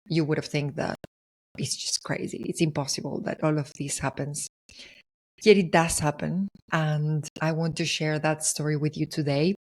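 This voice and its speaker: Low-voiced woman from Argentina hosting a podcast. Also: a little mellow. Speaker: podcast host. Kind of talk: personal storytelling monologue.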